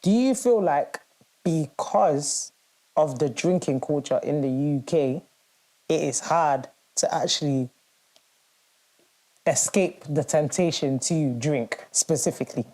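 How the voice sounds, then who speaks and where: A woman co-hosting a casual discussion, telling stories in an animated, slangy way. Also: low-pitched, slow. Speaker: podcast co-host.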